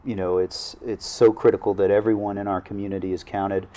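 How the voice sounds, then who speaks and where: A man, a local government official in a studio panel conversation, speaking earnestly and haltingly with many restarts. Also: on the low side, level tone, warm tone. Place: small TV studio.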